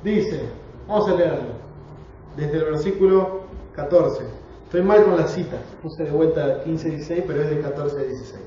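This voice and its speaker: A man's voice: fairly high pitch, moderate pace, warm tone, a little hiss or hum. A man with a Rioplatense Spanish accent leads a prayer and then teaches a Bible class, speaking earnestly and asking the class questions. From Argentina. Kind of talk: church class lecture with opening prayer. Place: church hall. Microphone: room recording from a distance. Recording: very echoey dull hall recording, distant.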